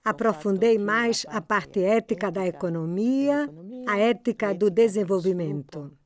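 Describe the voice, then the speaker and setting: A woman voices the translation of an interview. She reads slowly and deliberately, and her voice sits at a middle pitch. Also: animated, crowd noise. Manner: slow, deliberate reading. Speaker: voice-over interpreter. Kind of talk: read voice-over translation.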